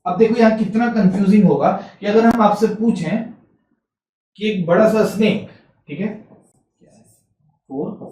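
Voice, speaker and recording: Man, high voice, exam coaching lecture, writing on a board, recorded from a distance. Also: warm tone. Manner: repeats "ठीक है" constantly, asks and answers own questions; mixes English terms into Hindi, spells words out slowly. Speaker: teacher. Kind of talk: exam-prep science lecture. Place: classroom or small studio, writing on a board. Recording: echoey room, mic some distance off.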